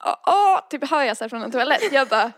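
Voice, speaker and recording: A woman's voice: fairly high pitch, pushed and bright, no echo. A woman casually telling a personal story and acting out the dialogue in it, full of fillers. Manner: acts out quoted dialogue, frequent fillers.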